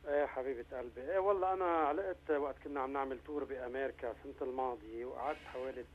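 A man's voice: mid-range voice, a little hiss or hum. Faint Lebanese man on phone held away. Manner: quick, chatty, many fillers and restarts. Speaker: radio interview guest. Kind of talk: casual phone-in chat. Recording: tinny phone line.

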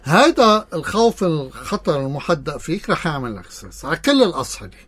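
A Lebanese man speaking as an expert guest on a radio talk show. His voice sits a little high for a man, and he explains step by step, often checking in with a quick rhetorical question. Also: very animated, fairly bright tone. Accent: Lebanese Arabic. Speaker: psychologist guest. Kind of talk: radio interview.

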